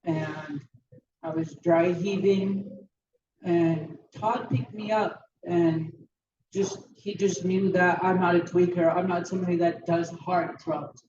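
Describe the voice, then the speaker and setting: A young adult mourner speaking unscripted about a father figure, halting and emotional while holding back tears. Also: medium pitch, fairly even intonation. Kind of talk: unscripted eulogy. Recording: echoey hall from far off, dull, noisy.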